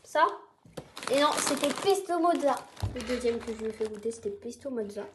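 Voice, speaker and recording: A woman with a very high voice presents a homemade taste test in casual, conversational speech. There is faint background noise with crinkling bags. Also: expressive, moderate pace.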